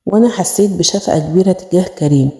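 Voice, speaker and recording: A woman with an Egyptian accent narrating a first-person horror story in a brisk, plaintive way. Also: fairly low pitch, dark tone. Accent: Egyptian Arabic. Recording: echoey room with long reverb.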